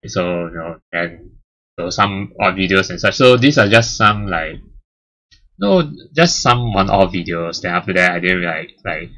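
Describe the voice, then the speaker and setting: In a casual milestone chat, a channel host looks back on its history, his low voice animated, unhurried, bright and forceful. A first-language speaker of both English and Chinese, he rambles, full of fillers and false starts.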